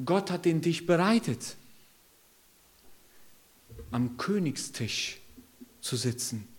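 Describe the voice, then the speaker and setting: A man preaching a sermon in a church service, impassioned and rising to loud pleading calls. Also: medium pitch.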